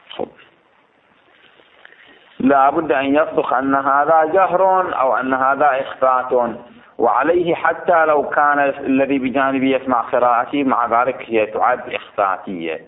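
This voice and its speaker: A man teaching religious law to students. He explains a text, repeats his points and keeps checking whether they follow. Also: medium pitch. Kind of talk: seminary lesson explaining a text. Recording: tinny phone-like recording.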